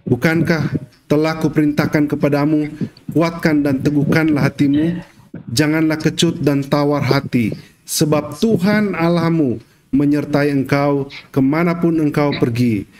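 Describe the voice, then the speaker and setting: A man reads a scripture passage aloud at a steady, even pace, as an interviewer. His pitch is a little above average, and faint noise sits under the voice. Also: unhurried.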